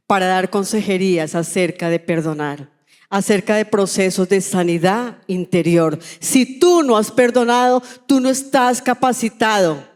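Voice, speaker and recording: A woman's voice: medium pitch, a little mellow. Colombian woman pastor preaching in a reverberant hall. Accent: Colombian Spanish. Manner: emotional storytelling, acting out dialogue. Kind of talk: sermon with personal testimony. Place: large church hall. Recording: long church-hall reverb.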